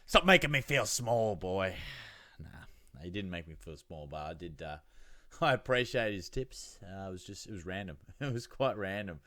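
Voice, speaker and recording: Casting: Australian male host, fairly low voice, dry close sound, slangy laddish solo chat. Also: animated, moderate pace, a bit bright, no room sound. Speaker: fantasy football show host. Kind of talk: casual solo chat with anecdotes.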